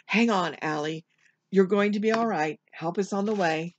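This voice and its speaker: A teacher reading aloud voices a calm man coaxing a child to hold on, gentle and reassuring, pitched a little higher. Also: normal speed, muffled recording, close to an everyday voice. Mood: soothing. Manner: calm and soothing.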